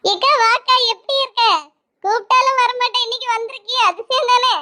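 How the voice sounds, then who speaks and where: A voice actor doing a sharp-tongued Kanyakumari mom. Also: female voice, extremely high pitch, steady tone. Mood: bossy. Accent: Kanyakumari Tamil. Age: middle-aged. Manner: sharp, scolding, quick comebacks. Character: bossy, teasing cartoon mother of the house.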